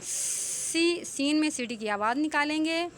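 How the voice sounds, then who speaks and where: A high-pitched woman teaches recitation rules, explaining each point plainly and then drawing words out very slowly. A faint hiss of background noise sits under her voice. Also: fairly bright tone. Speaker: Quran tajweed teacher. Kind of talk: online tajweed lesson with slow drawn-out recitation.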